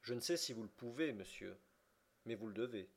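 A man reading an audiobook, voicing a calm, resolute English gentleman who speaks in measured, curt sentences. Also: lowish voice, husky. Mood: firm.

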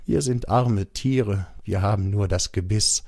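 A man's voice: on the low side, measured pace, dry recording, clean studio sound. A man voicing an old male jackal who pleads in a lamenting tone. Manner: lamenting, imploring.

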